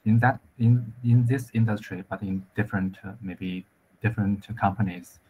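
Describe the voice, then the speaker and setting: A man speaks in a low voice, feeling his way through each sentence with fillers and repeated words. The sound is dull and lo-fi, like a video call. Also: steady tone, a little hiss or hum. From central China. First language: Chinese. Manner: halting, many restarts and fillers. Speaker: engineer. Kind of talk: casual conversation practice.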